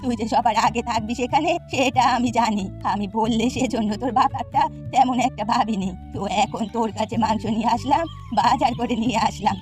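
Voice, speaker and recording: A woman's voice: fairly high pitch, a little fast, hardly any pauses, a little mellow, soft background music, lightly acted. A woman voicing a bossy, practical village woman in a cartoon. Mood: stern.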